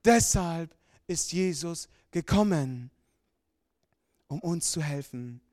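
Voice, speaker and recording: A man preaches a sermon in a high voice, telling stories with emphasis and a casual, everyday way of speaking. The sound is close and dry, with little room echo. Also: animated, slow, a little mellow. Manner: emphatic storytelling, colloquial.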